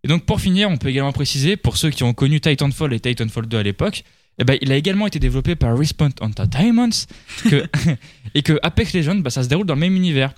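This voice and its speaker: Dude talking fast about a game on a podcast, dry sound. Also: male voice, fairly high pitch, expressive, no echo. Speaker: podcast guest presenting a game. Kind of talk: casual podcast chat.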